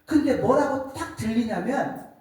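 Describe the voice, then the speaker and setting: Middle-aged woman sharing a sermon testimony, lively expressive pitch, recorded from a distance in an echoing room. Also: unhurried. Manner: animated storytelling, acts out quoted voices. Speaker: church speaker giving a testimony. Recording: echoey room, distant mic.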